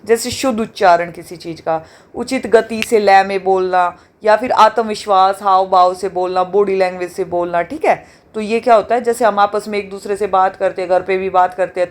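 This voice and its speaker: A woman teaching an exam revision lesson, explaining points with everyday examples and often checking in with a quick question. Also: medium pitch, fairly even intonation. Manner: explains with everyday examples, keeps asking "theek hai?".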